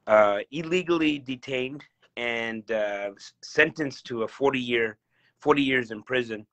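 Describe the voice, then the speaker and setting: A man from El Salvador speaking over a video call. His voice is bright and forceful, cheerful, and he laughs often. He talks with plenty of fillers and restarts. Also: mid-range voice, a little slow. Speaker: guest real estate investor. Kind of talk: casual video call interview.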